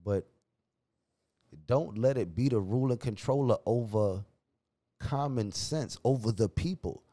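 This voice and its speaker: A man hosting a podcast, talking casually and heatedly in slang, his pitch jumping when he gets worked up. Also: measured pace. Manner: animated, slangy, calls listener "dog"; restless pitch, rises sharply when worked up. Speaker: podcast host. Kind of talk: casual opinion talk.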